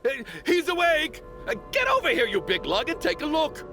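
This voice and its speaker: A man voicing a kindly, excitable middle-aged father in a video game, with a hesitant, stammering way of talking. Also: very high voice, moderate pace, over music, exaggerated voice. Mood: excited, urgent. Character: chatty, kindly, excitable father, anxious and easily awed.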